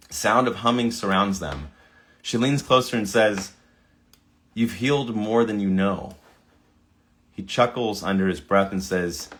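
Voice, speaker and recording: Male creator, lowish voice, casual read-through of prompts with loose reactions. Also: fairly bright tone. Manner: reads prompts aloud, stumbles over words, laughs. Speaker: video creator. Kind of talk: casual screen-recording commentary.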